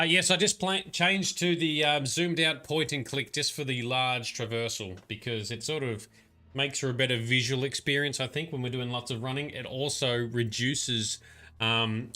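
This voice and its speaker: This streamer has a bright, medium-pitched male voice and chats his way through a game live. He rambles, muttering asides and complaints as he plays.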